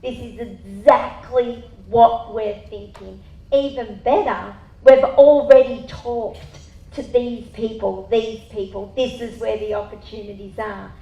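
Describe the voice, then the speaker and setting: A woman speaking in a measured, thoughtful way as a panelist. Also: a little high, steady tone, mellow, dull audio. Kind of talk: panel discussion. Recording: echoey room.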